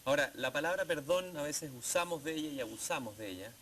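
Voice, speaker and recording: Measured male host, faint hiss. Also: a little high, lively intonation, a bit bright. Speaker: TV program host. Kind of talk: interview hosting.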